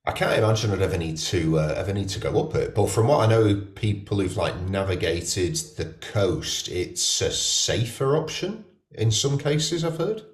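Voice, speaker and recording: Deep-voiced man in an echoey room. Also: lively intonation, normal speed, hardly any pauses. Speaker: podcast host. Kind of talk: casual chat, interviewing. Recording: echoey, roomy sound.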